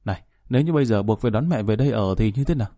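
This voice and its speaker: Male narrator voicing an insistent, coaxing grown daughter in an audio story, mellow and close. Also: lowish voice, animated, rapid-fire, no echo.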